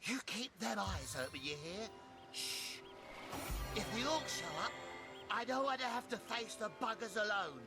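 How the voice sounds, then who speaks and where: An actor playing a gruff, hard-drinking soldier in a fantasy game, with coarse, blustering speech. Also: male voice, high-pitched, lively intonation, a little slow, over music. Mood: wary. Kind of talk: fantasy video game voice acting.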